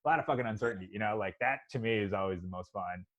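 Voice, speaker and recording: Talking rapid-fire in a fairly low voice, a man hosts a casual podcast, rambling, cursing and saying "you know" constantly. His recording comes across a bit dull.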